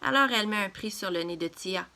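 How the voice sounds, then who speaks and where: Conteuse québécoise à la voix claire. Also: female voice, mid-range voice, a little fast, bright, forceful tone. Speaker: storyteller. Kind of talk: reading a children's story aloud.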